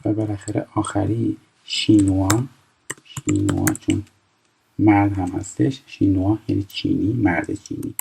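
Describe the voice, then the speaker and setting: With a fairly low, mellow voice, expressive delivery, and vocal fry, this Iranian man in his twenties teaches French in a recorded lesson. He explains each step and reads phrases slowly before giving translations. The recording is rough, with slight background noise.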